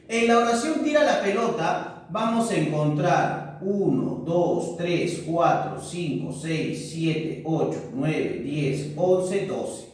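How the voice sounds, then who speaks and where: A male teacher giving a recorded lesson, unhurried and checking in with the class often. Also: on the high side, lively intonation. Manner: unhurried, keeps checking in with correcto and ya. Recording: echoey room, mic at a distance.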